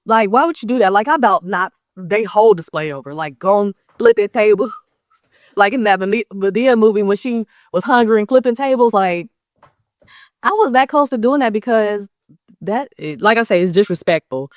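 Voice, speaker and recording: A woman who runs a small business, telling a story in a frank, animated way and acting out what people said. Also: medium pitch, normal speed, dry recording, clean studio sound. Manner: animated, acts out quotes, frank and sassy. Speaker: small business owner and vendor. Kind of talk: casual storytelling vlog.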